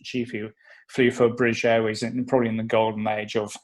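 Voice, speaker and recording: Rambling Welsh man, low voice. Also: flat delivery, fairly quick. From South Wales. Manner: rambling, self-deprecating, many fillers and restarts. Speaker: podcast guest. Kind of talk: casual interview chat.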